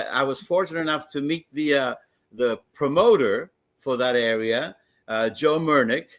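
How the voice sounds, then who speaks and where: A man's voice: fairly high pitch, a bit bright. An older man from Greece, a wrestling commissioner, talking eagerly as a guest on a sports talk show and telling stories with many restarts. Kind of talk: casual radio interview.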